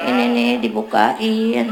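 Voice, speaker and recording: Her voice sits low and sing-song, and she takes things slowly: a female Islamic preacher from Tangerang, Indonesia, bantering and joking with the audience. The talk is a lighthearted religious sermon for a community celebration at a neighborhood gathering. Echo and noise from the sound system fill the recording.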